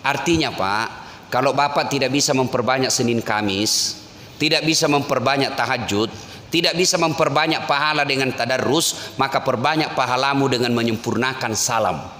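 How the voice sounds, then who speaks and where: A man preaching a lively sermon, swinging between low storytelling and loud exclamations. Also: moderate pace. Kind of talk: lively sermon with acted quotes. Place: mosque or prayer hall. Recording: echoey hall with faint noise.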